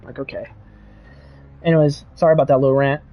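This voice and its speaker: A young man streaming casually, reading chat and rambling excitably with lots of "dude" and "bro". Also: mid-range voice, fast, narrow, tinny audio.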